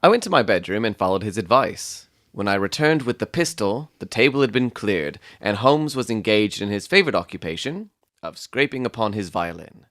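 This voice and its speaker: A man playing an earnest, thoughtful doctor who narrates a detective story in a measured, literary storytelling manner. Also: fairly low pitch, big pitch swings, a bit bright, no room sound, studio quality. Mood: pondering. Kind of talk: dramatic audiobook narration.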